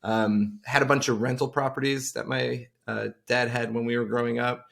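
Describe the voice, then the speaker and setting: A man in his forties from Long Island, New York, appears as a podcast guest over a video call, chatting casually in an interview. His mid-range voice is flat, fairly bright and touched with vocal fry, at a moderate pace. He rambles, with lots of fillers and restarts.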